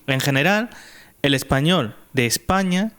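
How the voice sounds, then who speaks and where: Smooth-voiced chatty male podcast host. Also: a little high, animated, unhurried, a bit bright. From Spain. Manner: chatty, explains at length with hedges. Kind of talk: casual interview chat.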